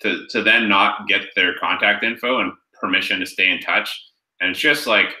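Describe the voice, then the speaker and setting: Male sales coach, low and forceful, energetic delivery, roomy echo. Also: moderate pace. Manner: energetic, punchy, keeps asking "right?". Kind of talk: coaching session on a group call.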